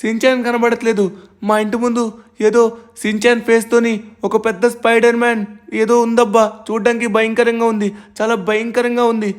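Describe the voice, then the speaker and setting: A man hosting a gaming channel, voicing himself in a game role-play, excitable and prone to stammering and loud outbursts. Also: very high voice, a little fast.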